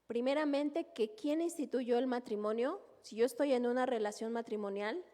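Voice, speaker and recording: Mexican lady teaching at church, chatty, keeps asking right?, kinda high voice, big echoey hall. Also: normal speed, dark tone. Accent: Mexican Spanish. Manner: conversational, often asks the listeners for agreement. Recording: long hall reverb.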